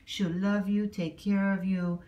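A woman's voice: medium pitch, level tone, measured pace, warm tone, close to an everyday voice. A woman doing a cooing mantis reporter. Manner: theatrical, cooing, affected endearments. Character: flamboyant praying mantis pet-adoption reporter. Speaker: adoption promoter. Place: animal shelter cat room. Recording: roomy, mic at a distance.

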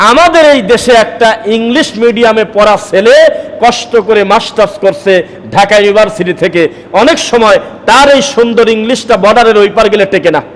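High-voiced preacher in a reverberant hall. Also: male voice. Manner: forceful rhetorical questions to the crowd. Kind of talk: sermon.

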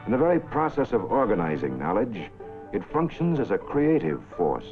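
Low-voiced old newsreel narrator, tinny. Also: male voice, sing-song. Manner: formal, measured announcer delivery. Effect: old newsreel soundtrack sound. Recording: tinny lo-fi 1940s film soundtrack with music.

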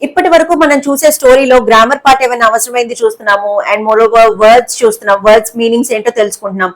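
A woman teaching an English lesson in Telugu, explaining words and repeating key terms slowly. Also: on the high side, steady tone, soft background music, low-quality recording.

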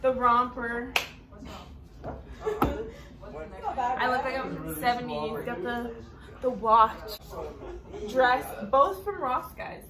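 A young woman vlogging at a party, giggly and playful, quick to joke. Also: on the high side, lively intonation, crowd noise. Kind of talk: casual vlog chat. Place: at a house party, indoors and out.

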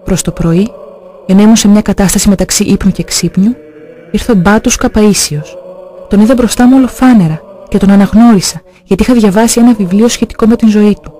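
A man slowly and solemnly reading out religious testimonies. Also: high voice, warm tone.

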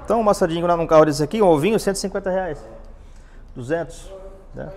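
Fast-talking Brazilian man teaching in a workshop. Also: on the high side. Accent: Brazilian Portuguese. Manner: animated, explains while pointing at the car. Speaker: paintless dent repair instructor. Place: large indoor car repair workshop. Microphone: lapel mic.

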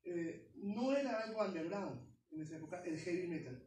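A man's voice: sits high, lively intonation, moderate pace, a little mellow. A middle-aged man speaking as a guest to a class, explaining things with fillers and self-corrections. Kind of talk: informal classroom talk. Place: university classroom. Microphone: far camera phone. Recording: echoey classroom from far off.

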